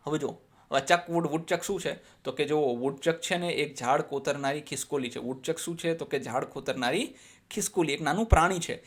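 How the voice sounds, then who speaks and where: A man. He puts questions and answers them himself, and he reads the English lines slowly and with care. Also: fairly high pitch. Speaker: teacher. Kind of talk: explaining an English lesson in Gujarati.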